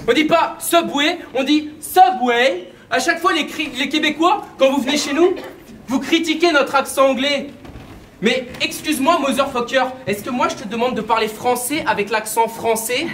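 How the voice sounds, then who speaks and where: A man's voice: very high-pitched, moderate pace, sharp tone. A man performing a cappella battle rap at a live event, delivering brash, mocking punchlines. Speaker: battle rapper. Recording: echoey venue, distant mic, crowd noise. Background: crowd reactions and laughter.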